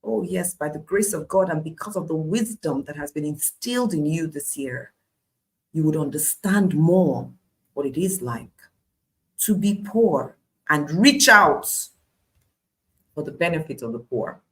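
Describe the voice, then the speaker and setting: A woman's voice: sits low, expressive, unhurried. A woman with a Nigerian accent preaching a devotional Bible study in an emphatic, declarative way, repeating phrases for weight.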